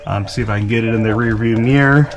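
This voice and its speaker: Fast and steady, a fairly low male voice carries this hands-on demo of vehicle radio gear. The vlogger speaks informally and a little haltingly into a handheld GoPro, with plenty of enthusiasm, while working around a side-by-side in a workshop.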